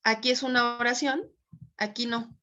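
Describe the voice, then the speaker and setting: A woman's voice: a little high, fairly even intonation, normal speed, pushed and bright. A woman teaching a Spanish grammar class online, patiently checking that students follow. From Mexico. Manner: patient, checks understanding often. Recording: dull lo-fi audio.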